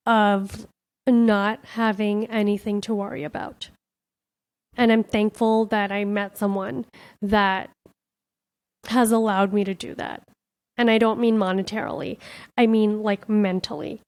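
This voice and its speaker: A woman's voice: medium pitch, a little mellow, no echo. A woman comedian hosting her own podcast, talking candidly and from the heart in a casual reflective monologue, full of "like" and "you know". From born in India, raised in Miami.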